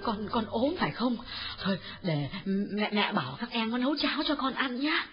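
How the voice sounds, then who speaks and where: A man voicing an anxious elderly mother who pleads with her husband in a high, urgent voice, in an audiobook. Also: expressive, normal speed, soft background music. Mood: worried. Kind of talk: audiobook character voice. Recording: dull lo-fi recording.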